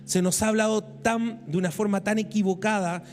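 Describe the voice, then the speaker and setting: A man's voice: high voice, steady tone, fairly quick, slight background noise. A man preaching a sermon, telling a story and asking the congregation questions. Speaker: pastor.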